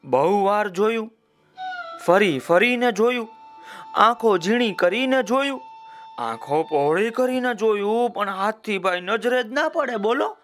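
Male storyteller for kids; fairly high voice, slow and repetitive. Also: lively intonation, fairly bright tone, soft background music. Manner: slow, repetitive, addresses listeners directly. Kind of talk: children's story narration.

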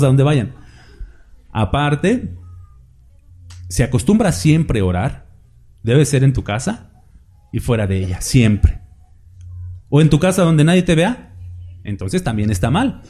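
A man's voice: a little high, dark tone. A man preaching a conversational sermon, asking rhetorical questions and mimicking hypocrites in mocking asides.

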